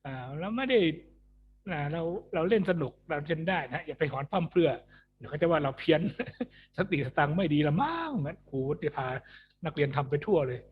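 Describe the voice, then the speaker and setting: A man's voice: fairly high pitch, lively intonation, a little fast, narrow, tinny audio, slight background noise. A man teaching a music lesson, chatty and joking, laughing at his own jokes. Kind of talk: recorded online lesson. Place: alone in an empty school building.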